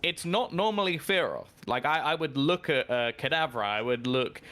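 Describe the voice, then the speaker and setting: A man with a fairly high-pitched voice at normal speed casts an esports match, breaking down team picks and calling plays. His analytical delivery rises sharply with excitement during big plays.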